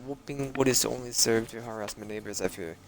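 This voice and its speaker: A man's voice: fairly low pitch, a little fast, lightly acted. Man putting on a pompous armored old-world carpenter. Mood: pompous, solemn. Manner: pompous, archaic phrasing. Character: grandiose armored carpenter with archaic speech.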